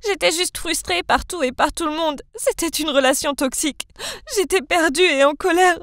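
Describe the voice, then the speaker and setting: A woman voicing a remorseful young woman who speaks shakily in an animated story. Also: very high voice, normal speed, no room sound, clean studio sound, voice pushed up.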